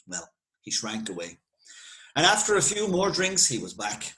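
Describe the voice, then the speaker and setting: Irish male storyteller, lively and conversational, slightly higher than average voice. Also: a little hiss or hum, rough recording. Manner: lively, conversational, dramatic pauses. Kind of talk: spoken folk tale narration.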